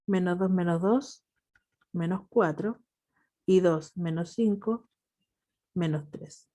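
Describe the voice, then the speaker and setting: A Chilean-accented woman lectures her math students online through a video call, patient and affectionate toward them. Her voice is lowish and warm, and she speaks at a slow pace.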